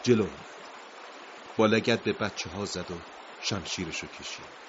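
A man's voice: low voice, noisy background. A man narrating a dramatic story in a grave, emotive voice, in a dull lo-fi recording.

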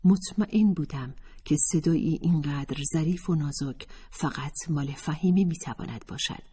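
Brief: woman audiobook narrator, low husky voice, calm and measured. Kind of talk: first-person novel narration.

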